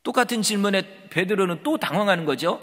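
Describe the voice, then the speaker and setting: A man preaching a sermon as pastor, animated and conversational. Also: sits high, fairly quick. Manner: animated, conversational preaching that acts out quoted speech. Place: church sanctuary. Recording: reverberant church hall.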